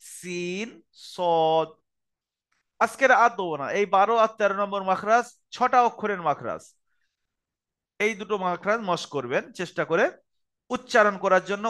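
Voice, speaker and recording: A man teaching Arabic letter pronunciation in a group video-call lesson. He talks slowly and patiently, repeating each sound as a drill for his students. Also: high voice, sharp tone, clean tone. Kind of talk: online Quran-reading lesson.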